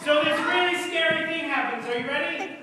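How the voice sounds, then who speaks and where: A high-voiced woman telling a story to children, animated and dramatic, coaxing them along. She sounds far from the mic in a big hall with long reverb, over loud crowd chatter. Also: fairly quick, heavy background noise. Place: large chapel hall.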